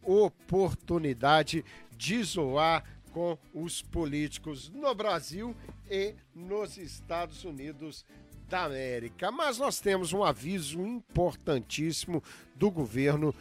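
A man's voice: on the high side, lively intonation, slow, faint music behind. A male radio host from Brazil, chatting casually and introducing clips to his listeners.

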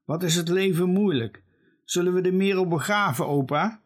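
A man voicing a young, tender-hearted boy in a read-aloud storybook, pitching his voice up and speaking breathily. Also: moderate pace. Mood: sad.

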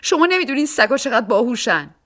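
A woman's voice: a little high, sing-song, a bit bright, voice pushed up. A woman voicing a distraught lady at an airport, shrieking and crying over her lost dog. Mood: shrill, tearful. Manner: shrieking through tears. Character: shrill sobbing woman whose dog was swapped.

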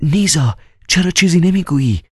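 A man's voice: mid-range voice, very animated, darkish tone, breathy edge, no echo, studio quality, voice pushed up. A man voicing an anxious, lovesick young man who pleads in a trembling, childlike whisper. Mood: pleading. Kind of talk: audiobook character voice.

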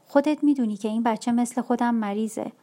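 A woman voicing a troubled young woman painter who speaks in a halting, anxious, pleading way. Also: on the high side, dark tone, lightly acted. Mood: fearful.

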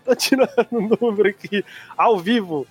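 A man's voice: high voice, moderate pace, husky, faint music behind. A Brazilian man co-hosting a podcast, joking and playful in casual chat. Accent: Brazilian Portuguese. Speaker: podcast co-host.

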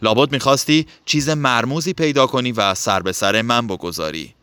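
A man voicing a tired, gentle male doctor who speaks warmly to his wife in an audiobook. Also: medium pitch, clear, resonant tone, no echo, close to an everyday voice. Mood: gentle teasing. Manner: warm, kindly, mildly suspicious.

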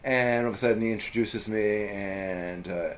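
A man's voice: lowish voice, normal speed. A middle-aged man telling a childhood story in a casual chat, rambling with lots of fillers and restarts. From US East Coast.

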